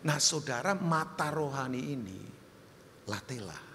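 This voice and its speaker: Lively preaching pastor, man, big hall. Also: unhurried, slight background noise. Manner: animated, jumps high for questions and quoted voices, drops low and soft for appeals; humorous storytelling with asides to the congregation. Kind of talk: sermon. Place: large church hall. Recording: long hall reverb.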